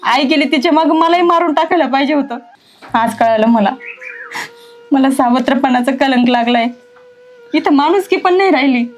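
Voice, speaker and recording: A woman's voice: high voice, normal speed, pauses often, lightly acted. An actress playing a mistreated young stepdaughter, crying and pleading with her father, with faint music behind. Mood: tearful. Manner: tearful, pleading. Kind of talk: village drama acting.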